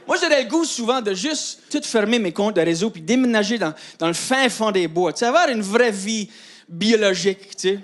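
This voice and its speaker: With a voice that sits high, expressive and at normal speed, this thirtysomething stand-up comic from New Brunswick, Canada, speaks in an Acadian French accent. He mocks himself in a chatty way and often laughs at his own lines while faint audience laughter rises from the live crowd.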